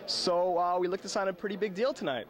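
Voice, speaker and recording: A man's voice: high voice, fairly even intonation, fast. A man giving a casual interview as a film producer.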